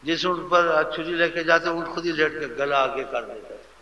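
Man preaching a sermon, fervent, very bright cutting voice, lo-fi recording, faint background hum. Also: a little high. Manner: fervent, mimics how people address others. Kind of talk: devotional sermon.

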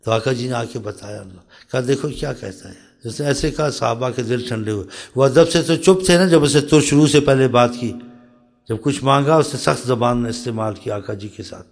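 A man preaching a storytelling sermon who speaks straight to his listeners, asks them rhetorical questions and often drops into soft, quiet asides. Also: mid-range voice, vocal fry. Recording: long hall reverb.

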